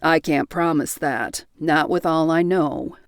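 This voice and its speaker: A woman voicing a stoic, possessive grown man who speaks in a low, husky, terse murmur. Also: steady tone, measured pace, no room sound, studio quality. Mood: stubborn. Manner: terse, insistent lines.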